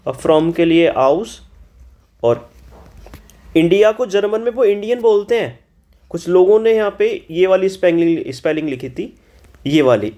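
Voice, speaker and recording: Walking through an exam paper in a Hindi-language German lesson, a man scolds his students for common mistakes. His voice is high-pitched and warm, and he slowly spells out the German words.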